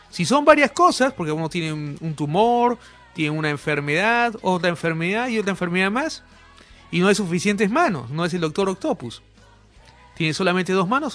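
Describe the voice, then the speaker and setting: A man's voice: sits high, fairly bright tone. A man preaching a healing sermon, speaking straight to viewers and giving fervent, commanding proclamations. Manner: direct address to viewers. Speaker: healing evangelist.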